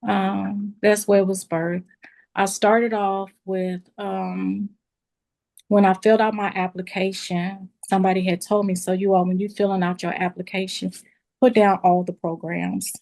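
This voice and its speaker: A woman tells her story as a beauty school owner. She is animated and emotional, and she speaks straight to her listeners. Her voice sits at a middle pitch. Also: a little slow, vocal fry.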